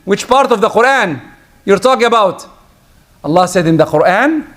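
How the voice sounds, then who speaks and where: Delivering a lively Friday sermon, this high-voiced preacher, a native Arabic speaker, breaks into rapid Arabic recitation and prayers.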